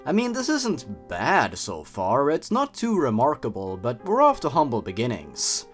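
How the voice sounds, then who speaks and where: This young YouTube narrator works through an online horror tale unhurriedly, his mid-range voice swooping wildly in pitch as he adds playful, wry commentary. Music plays in the background.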